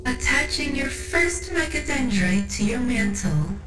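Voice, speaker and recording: A woman's voice: sits high, expressive, a little slow. A woman playing a devout, motherly cyborg tech-priest in an ASMR roleplay, speaking formally, soothingly and with reverence. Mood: assured, proud. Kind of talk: ASMR roleplay, scripted monologue. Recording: roomy reverb with music underneath. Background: music.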